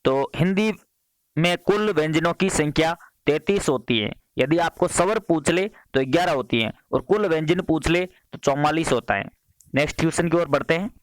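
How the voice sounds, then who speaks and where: A man's voice: fairly high pitch, dry recording. A man teaching a quiz-style Hindi grammar lesson for exam preparation. He reads each question and its options, then repeats the question and gives the answer. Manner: brisk, repeated "next question" transitions.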